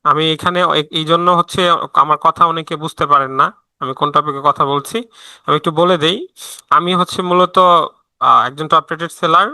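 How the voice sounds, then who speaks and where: A man's voice: a little high, steady tone, normal speed, pushed and bright, dry recording. A man teaching a live online class in a casual, chatty way, stopping often to answer viewer messages, with many fillers and restarts. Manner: frequent fillers and self-restarts. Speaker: online freelancing instructor.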